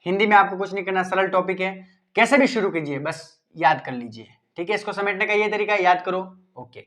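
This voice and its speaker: A man's voice: sits high, fairly quick, a bit bright. A male teacher giving informal, repetitive exam-preparation advice and talking straight to his students. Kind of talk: exam-prep study advice lesson.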